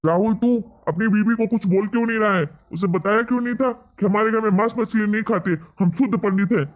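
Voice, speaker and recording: A stern father-in-law in a cartoon rages and threatens, voiced by a man. His voice sits high for a man. The sound is thin and phone-like. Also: fast talker, lightly acted. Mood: angry. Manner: gruff, threatening.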